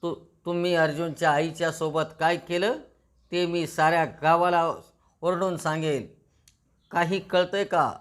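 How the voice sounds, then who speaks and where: A man's voice: a little high, fairly even intonation, unhurried, a bit bright, clean tone. A man voicing a desperate pleading village aunt. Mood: threatening. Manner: pleading, scolding.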